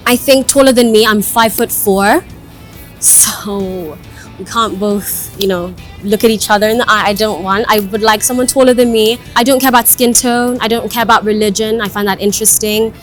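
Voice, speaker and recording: A young woman from Kenya talking candidly in a casual vlog, chatty and quick to laugh, recorded outdoors high up on a building. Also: steady tone, faint music behind. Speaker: vlogger and radio host.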